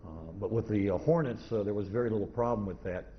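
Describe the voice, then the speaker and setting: Speaking in a fairly low, fairly even voice, a middle-aged American man who collects old-time radio delivers a casual convention talk as anecdote, methodically and haltingly picking through each point. Captured live in the presentation room, the sound is dull and noisy.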